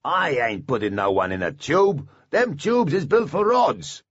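A man voicing a grumpy, belligerent male dwarf engineer who talks in a stubborn, gruff, drawn-out way. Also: on the high side, sing-song, fairly bright tone, dry recording, muffled recording, pitched above the performer's own voice, full character voice.

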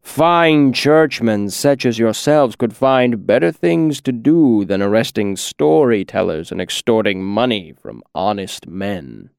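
A man's voice: mid-range voice, sing-song, darkish tone, smooth, no echo, studio quality. A man doing an old, honey-voiced mocking storyteller. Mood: calm mocking. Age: older. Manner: slow, rich, drawling.

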